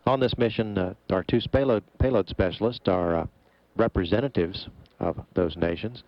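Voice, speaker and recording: Deep, gravelly male mission commentator. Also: dry recording. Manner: measured, explanatory, formal. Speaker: mission operations public affairs commentator. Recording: dull, muffled broadcast feed.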